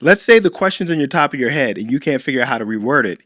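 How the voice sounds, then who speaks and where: A man co-hosting a dating-coach podcast in casual chat, playful and animated, often acting out quoted lines. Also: mid-range voice, quick pace, no room sound, clean studio sound.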